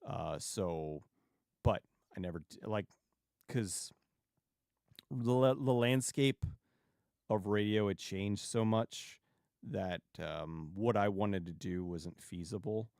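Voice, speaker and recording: A man hosting a livestream and chatting casually with viewers in a rambling, halting way, often restarting sentences and digressing. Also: fairly low pitch, creaky, a little mellow, dry recording, studio quality. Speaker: YouTube livestream host.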